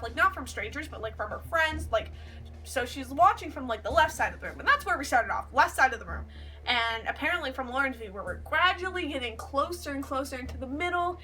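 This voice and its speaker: A young woman, telling a story to camera in a chatty, animated way and saying "like" a lot. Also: sits high, low-quality recording. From Canada. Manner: chatty, heavy use of "like", animated retelling. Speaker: vlogger. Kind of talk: casual storytelling.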